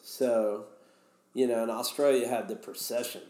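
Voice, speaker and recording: A man's voice: mid-range voice, steady tone, normal speed, warm tone. A man guest telling stories in a casual, rambling way. He often restarts his sentences. The room has a roomy echo. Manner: rambling, many fillers and restarts. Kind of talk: casual storytelling.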